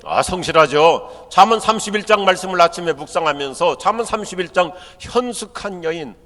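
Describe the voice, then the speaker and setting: A man's voice: high-pitched, brisk. An older man with a Chungcheong Korean accent, preaching a humorous sermon to pastors and telling jokes. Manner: joking storyteller, acts out dialect and quotes in lively voices. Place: large church hall. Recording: long hall reverb.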